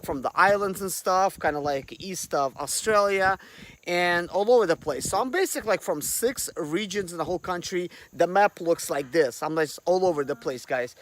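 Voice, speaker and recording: A Russian man hosts a casual vlog, chatting to the camera and rambling with lots of fillers such as "like" and "you know." His voice is high and fairly bright, with slight background noise.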